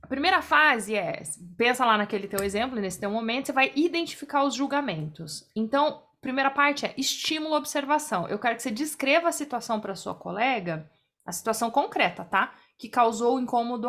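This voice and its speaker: A woman walks a group through an exercise over a video call, slightly high in pitch. She takes each step in turn, patient and clear, and keeps checking in with a quick question. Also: a bit bright. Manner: explains step by step, often checks in with "tá?". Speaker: workshop facilitator. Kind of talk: guiding an online group exercise.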